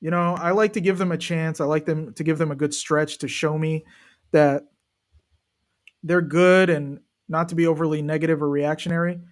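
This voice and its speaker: Man, live match watch-along commentary, casual and chatty, slightly high voice. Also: fairly even intonation, normal speed. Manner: chatty, talks directly to viewers.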